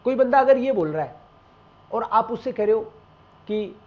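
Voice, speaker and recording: A man with a high voice explains exam tips to a class in a relaxed, conversational way, speaking right to his students. He slips German example phrases into his talk. The recording is dull and lo-fi. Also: normal speed. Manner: mixes Hindi with German example phrases, addresses students directly. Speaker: German language teacher.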